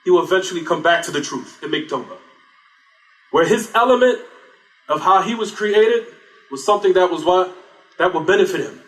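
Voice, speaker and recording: Heard from a distant microphone in an echoey room, a man with a high, slightly bright voice gives a religious lecture. As an Islamic lecturer, he often raises rhetorical questions and then supplies the answers.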